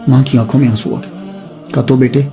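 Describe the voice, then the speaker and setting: A man's voice: medium pitch, fairly even intonation, creaky, dark tone, faint music behind. A man preaching a sermon, telling a story with dramatic delivery and voicing the characters in turn.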